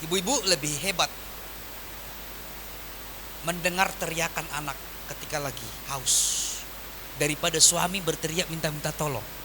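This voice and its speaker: A man preaching a sermon as pastor, swinging from loud emphatic lines to quiet soft ones. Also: on the high side, normal speed, long pauses, noisy background. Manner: animated preaching with wide swings in volume.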